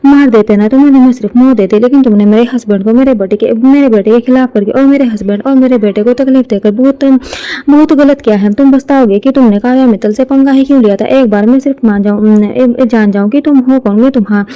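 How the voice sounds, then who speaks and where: A woman's voice: a little high, quick pace, warm tone, clear, resonant tone, natural voice. A woman voicing a furious, vengeful mother in an audio story. She speaks seething through clenched teeth. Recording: dull lo-fi recording.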